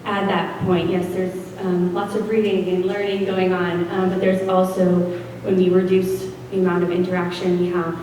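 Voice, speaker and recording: A woman's voice: lowish voice, little pitch movement, normal speed, warm tone. A woman who is a social worker giving an earnest public comment at a town meeting, with many ums. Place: school gym at a town meeting. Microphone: standing floor mic, far camera. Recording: echoey hall from far off with noise.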